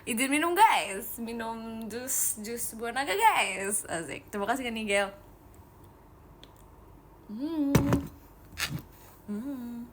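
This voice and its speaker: A young woman idol hosting a casual live stream, chatting quickly and giggling as she reads viewer comments and drops in English phrases. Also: a little high, a little hiss or hum. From Indonesia. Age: young adult.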